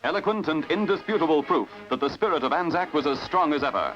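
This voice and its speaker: A man's voice: fairly high pitch, animated, quick pace. Old newsreel man, declamatory. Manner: formal, declamatory. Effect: old newsreel soundtrack. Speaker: newsreel narrator. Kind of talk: 1950s newsreel narration. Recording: dull lo-fi newsreel sound with music. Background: music.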